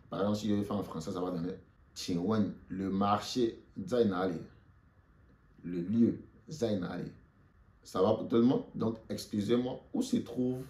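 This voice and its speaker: A man giving a spoken language lesson, slowly repeating short phrases for listeners to say back after him. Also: low-pitched, a little mellow. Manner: slow, repeats phrases for the learner to echo. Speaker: Mandarin teacher.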